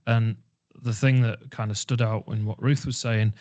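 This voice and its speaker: A man hosting an online team meeting, talking in a relaxed, reflective way with fillers. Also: fairly low pitch, moderate pace. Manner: conversational, reflective, uses fillers. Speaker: webinar host. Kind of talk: casual online meeting chat.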